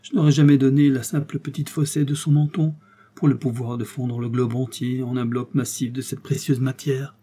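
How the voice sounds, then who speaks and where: A man voicing a grief-stricken, remorseful king who cries out in anguish, with a husky, dark voice. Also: mid-range voice, little pitch movement, moderate pace, close to an everyday voice.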